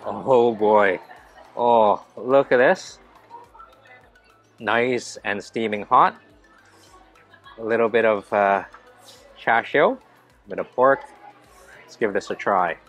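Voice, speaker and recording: A man's voice: lowish voice, takes it slowly, long pauses, a bit bright, soft background music. Enthusiastic man vlogging at a buffet. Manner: enthusiastic, narrates each dish as he eats. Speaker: food vlogger. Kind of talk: casual food vlog narration. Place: large indoor hotel buffet restaurant. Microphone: handheld camera at arm's length.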